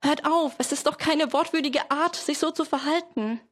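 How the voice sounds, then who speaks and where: A woman's voice: high-pitched, normal speed, fairly bright tone, voice pushed up. A teenage woman voicing a brave verb who pleads earnestly for tolerance. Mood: pleading. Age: teens.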